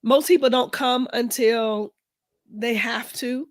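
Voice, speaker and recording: Tired raspy woman podcast host. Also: fairly high pitch, fairly even intonation, slow, no room sound. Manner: enthusiastic, warmly encouraging. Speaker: podcast host and doctoral coach. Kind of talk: casual podcast chat.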